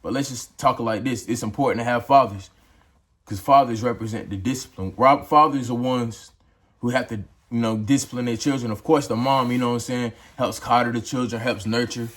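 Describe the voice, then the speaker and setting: A man's voice: mid-range voice, steady tone, a little fast, a bit bright. Casual young man giving life advice. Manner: casual, preachy, addresses viewers as bro and dog. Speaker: vlogger. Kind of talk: motivational talk to camera.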